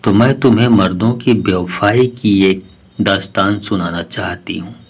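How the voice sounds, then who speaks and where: A man's voice: lowish voice, steady tone, breathy edge. A man reading a scornful female myna bird. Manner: curt, scolding, quick. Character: sharp-tongued female myna bird, distrustful of males.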